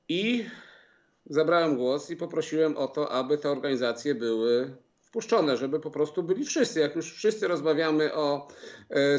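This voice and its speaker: A middle-aged man, a farmers' union representative, recounting a meeting over a video call in a halting way, full of filler sounds and restarts. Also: medium pitch, darkish tone. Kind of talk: remote interview, recounting events. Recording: slightly dull video-call audio.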